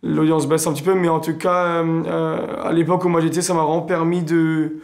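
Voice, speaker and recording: A man's voice: a little high, level tone, fairly quick. A young man from Alsace, a singer answering interview questions hesitantly, with many fillers and restarts. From Alsace, France.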